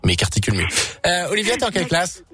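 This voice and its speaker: A man hosting an evening call-in radio show, joking and teasing callers in quick banter. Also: high-pitched, wildly swooping pitch, fairly bright tone, husky, faint music behind. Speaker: radio host taking callers. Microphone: studio microphone.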